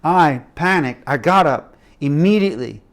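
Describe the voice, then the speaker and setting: Middle-aged man, sermon storyteller, lively and dramatic, swings from loud to hushed. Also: fairly high pitch, moderate pace. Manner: animated storytelling with acted quotes and shifting loudness. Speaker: missionary preacher.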